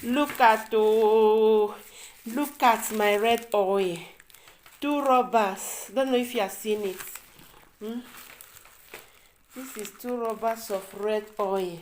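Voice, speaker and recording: A young woman with a Nigerian accent in a casual unboxing vlog, excitable and repeating herself as she shows off food items. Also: a little high, slow pace, pauses often, a little hiss or hum. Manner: excitable, repeats words, bursts of laughter. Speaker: vlogger. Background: faint crinkling of wrappers.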